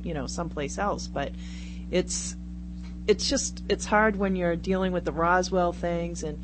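On a radio talk show, a Brockton, Massachusetts woman rambles along in a casual, self-deprecating way, her voice fairly low and a little slow. The radio recording is heavily noisy and hums.

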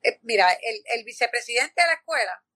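Speaking a little fast in a fairly high voice with a breathy edge, the Puerto Rican actress tells animated stories as an interview guest, filling them with fillers and restarts. Her accent is Puerto Rican Spanish. The audio is studio quality, with no echo.

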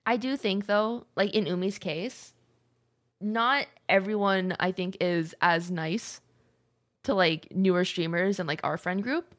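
A woman's voice: mid-range voice, measured pace. Woman streamer just chatting, says "like" constantly, medium voice. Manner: chatty, heavy use of "like", laughs often. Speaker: streamer co-host. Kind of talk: casual chat.

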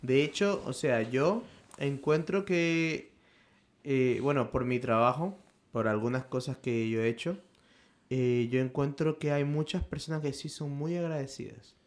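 A man from Ecuador with an Ecuadorian accent, co-hosting a casual podcast chat and telling relaxed stories. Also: mid-range voice, measured pace. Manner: relaxed storyteller who tags phrases with "loco". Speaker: podcast co-host.

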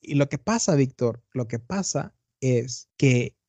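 Slangy northern Mexican man, mellow voice. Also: mid-range voice, slow pace, slightly rough, no echo. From Tamaulipas, northern Mexico. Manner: rambling and animated, slangy, peppers lines with "güey". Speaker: podcast host. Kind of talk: casual chat.

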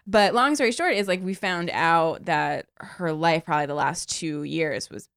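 A woman hosting a podcast in casual, informal chat, often saying "like", with vocal fry in her voice. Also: low voice, moderate pace, a bit bright, no echo, studio quality. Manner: informal, filler-heavy with many 'like's. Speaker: podcast host.

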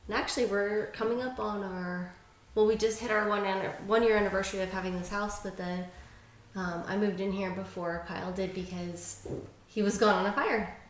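A woman's voice: medium pitch, fairly even intonation, a little fast. A woman guest chatting casually on a podcast in a bubbly, giggly way, with many fillers. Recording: roomy echoey room.

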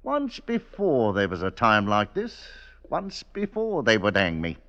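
A brooding condemned man, lowish voice, muffled vintage recording. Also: huge pitch swings, measured pace, a bit bright, heavily acted. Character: doomed male prisoner, rough and fatalistic. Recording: dull old radio recording.

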